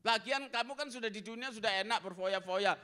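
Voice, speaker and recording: A man's voice: sits high, fairly quick, sharp tone, voice pushed up. A man preaching a sermon puts on the voice of an aged patriarch who answers firmly. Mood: stern.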